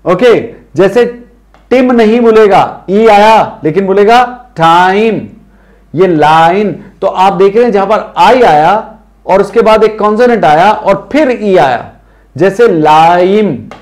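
Slow-spoken Indian man teaching. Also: high-pitched. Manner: drills words aloud, asks viewers questions. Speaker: English teacher. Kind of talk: spoken English lesson.

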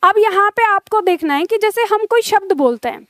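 A woman teacher explaining a Hindi grammar lesson, asking the class questions and slowly stressing each sound. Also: very high voice, expressive, a bit bright, no echo, clean studio sound.

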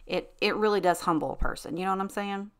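A woman's voice: medium pitch, steady tone, fast talker, clear, resonant tone. A woman, chatting casually and rambling with lots of ums and likes over her cleaning footage. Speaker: cleaning vlogger.

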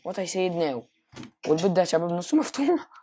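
Egyptian guy commentating his game live, hyped, yelps high and loud a lot, throws in english. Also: fast, a little hiss or hum. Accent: Egyptian Arabic. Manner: excitable, jumps to loud high exclamations, mixes in English. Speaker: gaming YouTuber.

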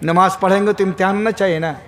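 Maulana, very high voice, jokey sermon, keeps asking the crowd questions. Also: male voice, steady tone, fast. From Bihar, India. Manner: humorous, keeps quizzing the crowd, bursts into shouts. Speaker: Islamic preacher. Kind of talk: sermon at a religious gathering.

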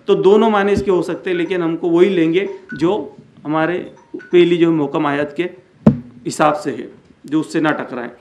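A man's voice: fairly high pitch, fairly even intonation, a little mellow. Man giving a religious lecture, echoey. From India. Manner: explanatory, repeats and rephrases points, recites Arabic verses slowly. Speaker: Islamic speaker and founder of an education center. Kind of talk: religious lecture explaining Quran verses. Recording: echoey room.

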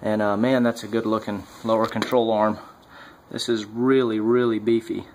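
A man narrating his welding work on a car in a casual workshop vlog, halting with many fillers, on a handheld camera mic. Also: fairly low pitch, level tone, a little mellow, low-quality recording. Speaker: home car builder. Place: garage workshop, indoors.

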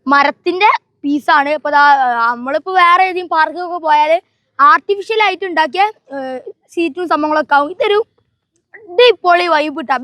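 A woman's voice: very high-pitched, a bit bright, no room sound. A woman travel vlogger chatting casually to viewers in a Malabar Malayalam accent from northern Kerala, mixing English words into her Malayalam. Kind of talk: casual vlog chat to viewers.

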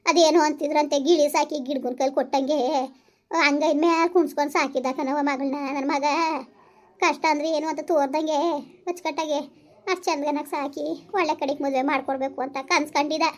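A woman's voice: high-pitched, steady tone, fairly quick, natural voice. A woman playing a wailing, lamenting village mother. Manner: wailing, lamenting, cursing fate. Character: grieving village mother of a runaway daughter. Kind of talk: village comedy skit acting.

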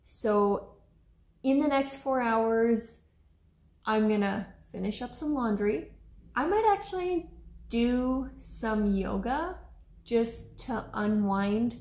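Slow, chatty woman in an echoey kitchen. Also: a little high, expressive, a little mellow. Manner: chatty and upbeat, talking through her day. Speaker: vlogger. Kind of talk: casual vlog chat to camera. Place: home kitchen and living room indoors. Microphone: camera on a stand in front of her. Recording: echoey home room.

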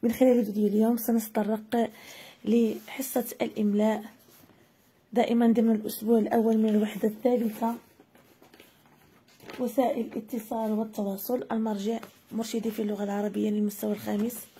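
A woman teaching a grammar lesson, spelling out example words slowly and deliberately. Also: a little high, flat delivery, dark tone, slightly rough. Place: video lesson voice-over.

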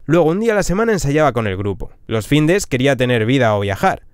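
A man's voice: medium pitch, fast talker, clear, resonant tone, no echo. Man telling his story, dry sound. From Spain. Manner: lively, punchy storytelling with rhetorical questions. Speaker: travel vlogger. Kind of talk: storytelling monologue. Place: small camper van interior. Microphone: podcast mic on a stand.

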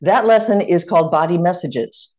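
A middle-aged woman with an American accent, based in the United States, runs a teaching workshop over video call from her home. Her voice sits on the low side, a bit dark and animated, and her measured, friendly style suggests an online lecture.

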